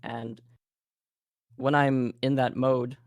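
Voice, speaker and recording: A man with a Canadian accent giving a relaxed live workshop demo, thinking aloud with many fillers. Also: medium pitch, slow pace, dry recording. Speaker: game audio presenter.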